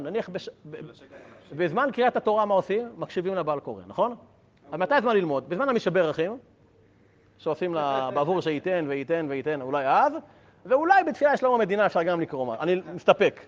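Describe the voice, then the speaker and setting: A male Torah teacher with a slightly high voice speaks in an animated, joking way, captured in a dull lo-fi recording. He stays lively, jokes with his listeners and poses rhetorical questions.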